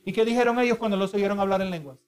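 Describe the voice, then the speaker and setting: A male preacher talks rapid-fire in a high, clean-toned voice during his sermon. He is earnest and explanatory, constantly asks the congregation for agreement, and keeps restarting what he's saying.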